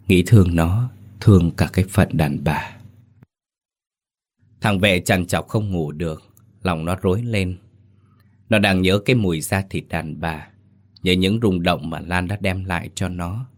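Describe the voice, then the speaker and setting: A man with a deep, low voice reads a dramatic story aloud. His delivery is steady and even, in the manner of scripted narration.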